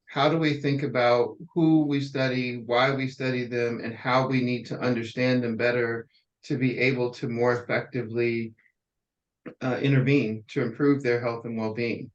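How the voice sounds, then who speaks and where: A man's voice: mid-range voice, flat delivery, normal speed. A man hosting an interview, framing long, careful questions in a conversational tone. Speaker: interviewer host. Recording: dull lo-fi audio.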